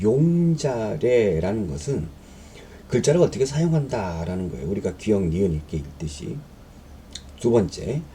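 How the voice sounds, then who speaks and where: A man's voice: fairly low pitch, mellow, a little hiss or hum. A man teaching a history exam-prep lecture in a conversational way, reading questions aloud and explaining them with fillers and rhetorical questions.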